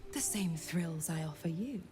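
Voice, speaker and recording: Sultry demon woman for a game, slow n lowish, teasing, menacing, music under it. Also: expressive. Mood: seductive. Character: seductive female fiend, sultry, teasing and menacing. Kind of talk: video game dialogue.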